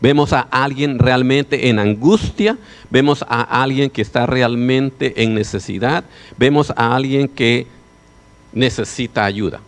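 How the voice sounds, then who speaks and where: A man's voice: mid-range voice, a little slow. A man preaching a sermon as pastor, putting rhetorical questions to his congregation. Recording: long hall reverb.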